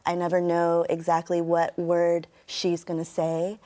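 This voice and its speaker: A woman's voice: fairly low pitch, completely flat delivery, unhurried, mellow. A middle-aged woman with a standard American accent, answering interview questions in a reflective, explanatory way. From United States. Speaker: interview guest, turntablist and sound artist.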